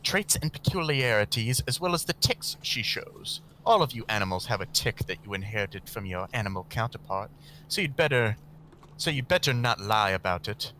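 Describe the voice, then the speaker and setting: A man's voice: lowish voice, animated, normal speed, pushed and bright, slight background noise, rough recording. A man reading fan fiction aloud while voicing a cruel, domineering woman official in clipped, menacing lines.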